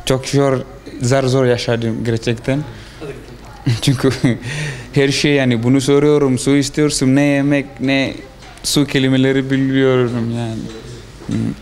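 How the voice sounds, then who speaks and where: A young man from South Sudan with a South Sudanese accent gives interview answers haltingly, in the broken Turkish of a non-native learner. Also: mid-range voice, level tone, a little mellow. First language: not Turkish. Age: young adult. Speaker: foreign student being interviewed.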